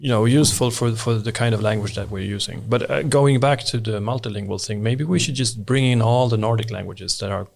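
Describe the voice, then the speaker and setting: A man's voice: fairly low pitch, brisk, creaky, hardly any pauses, a little mellow. A man, a guest researcher talking thoughtfully in a casual podcast discussion. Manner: thoughtful, frequent brief agreements.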